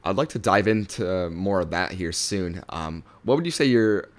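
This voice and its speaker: A man's voice: low-pitched, lively intonation, normal speed. A man hosting a podcast interview, reading a polite scripted intro and then asking questions with brief encouraging replies. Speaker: podcast host.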